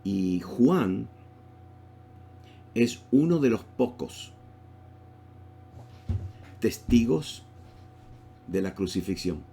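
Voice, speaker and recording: A man's voice: lowish voice, expressive, very slow, gravelly, pauses often, dark tone. A man teaching a Bible lesson in an informal way, with restarts and rhetorical questions.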